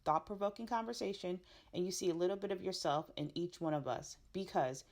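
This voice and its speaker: A woman reads a scripted podcast opening, measured and clear. Her voice sits slightly low. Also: darkish tone. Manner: measured, read-out. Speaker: podcast co-host. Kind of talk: scripted intro.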